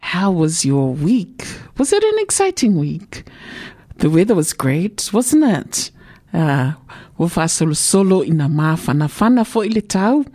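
A woman with a Samoan accent presents a community radio show. Her voice sits a little on the low side. She chats informally and unscripted, pausing often as she looks for the next word. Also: very animated, warm tone. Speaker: community radio programme host. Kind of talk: casual bilingual radio chat.

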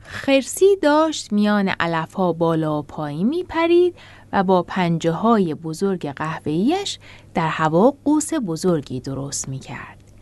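A woman hosting a radio show and narrating a children's story gently. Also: lowish voice, big pitch swings.

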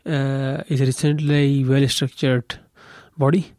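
A man's voice: medium pitch, level tone, takes it slowly, a little mellow, no echo. A young man from Pakistan, a guest on a radio studio interview, speaking hesitantly with many fillers.

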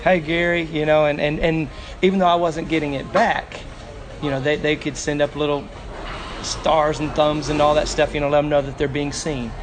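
Arkansas hillbilly man over clear street noise. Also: a little high, flat delivery. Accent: Arkansas hillbilly, Southern US. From Arkansas, United States. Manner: halting, repeats words mid-sentence. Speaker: country music entertainer, interview guest. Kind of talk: casual interview chat. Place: bar, on location with street noise. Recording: noisy outdoor bar, traffic behind.

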